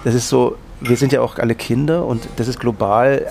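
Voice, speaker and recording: Austrian man, gravelly voice, rambling interview guest, faint hiss behind. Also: mid-range voice, steady tone, normal speed, darkish tone. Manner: rambling and anecdotal, with many restarts. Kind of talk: casual interview talk.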